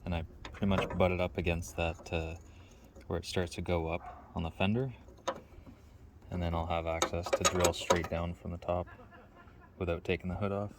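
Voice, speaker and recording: A low-voiced man hosting DIY vehicle mechanic videos explains hands-on work step by step in a plain, casual, matter-of-fact how-to style. He speaks at a normal speed in a level tone with little melodic movement, leaving long pauses, over a noisy background.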